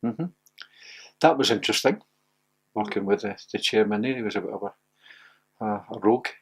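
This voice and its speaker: An older former footballer with a husky male voice tells animated stories at a moderate pace during an interview. He laughs a lot, and when he gets excited his voice turns loud and high.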